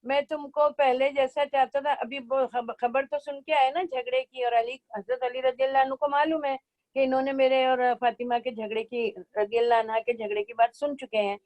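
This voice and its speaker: A woman's voice: high voice, little pitch movement, brisk, darkish tone, poor audio. A woman teaching a religious class over a video call, mixing in English phrases and acting out little scenes. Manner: mixes in English, acts out mothers' voices. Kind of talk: online religious class talk.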